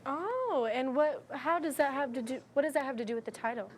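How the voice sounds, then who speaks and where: Over slight background noise, a twentysomething afterschool teacher speaks in a high-pitched, animated, brisk voice. She describes her teaching methods and reads aloud with children, keeping her tone expressive and full of encouragement.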